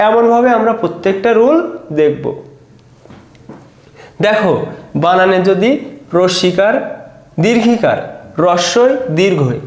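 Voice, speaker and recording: A man teaches an exam-prep grammar lesson, patiently, one step at a time. He keeps prompting his students to look. The room echoes noticeably around him. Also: high voice.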